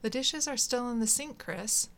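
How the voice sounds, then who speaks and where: A woman voicing a calm, bewildered woman who answers gently in a read-aloud story. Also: a little high, normal speed, gravelly, pitched above the performer's own voice. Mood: puzzled, calm. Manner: mild, bewildered replies.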